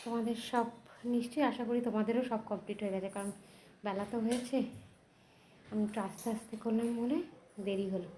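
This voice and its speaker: A weary, unwell woman, speaking slowly and quietly in a casual cooking vlog from her home kitchen. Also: fairly high pitch, steady tone, low-quality recording. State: tired and unwell. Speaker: vlogger. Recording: loud background noise.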